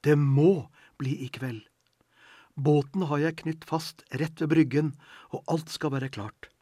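Brief: man as a stubborn teen boy, firm and insistent, protective, husky, slightly raised pitch, audiobook. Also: steady tone, mellow, dry recording, clean studio sound, close to an everyday voice. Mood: determined. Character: determined thirteen-year-old boy, protective and stubborn.

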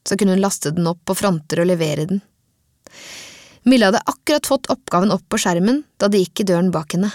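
Narrator: woman, measured audiobook reading of a children's book, mid pitch, dry close sound. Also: a little mellow, no room sound. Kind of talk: scripted narration of a children's novel.

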